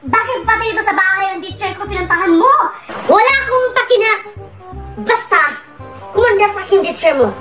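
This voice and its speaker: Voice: very high voice, expressive, a little fast, echoey room. A performer playing a whiny, crying child in a comedy skit, over music. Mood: pleading.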